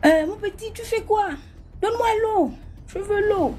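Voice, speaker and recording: Woman doing a high-pitched, strained male stranger pleading for water, mellow tone, for a spoken ghost story. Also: moderate pace, a little hiss or hum. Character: desperate stranger man begging for water at night.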